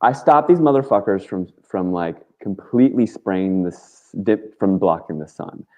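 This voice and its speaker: Low-pitched, warm, and expressive, this man speaks at a moderate pace, with the highs cut off in the audio. As a talk show guest, he rambles earnestly and casually through stories in slangy talk full of "like" and mild swearing.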